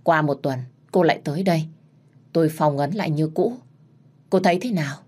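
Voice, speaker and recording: A woman's voice: low-pitched, a little fast, darkish tone. A woman voicing an older female village shaman who gives stern, instructive warnings.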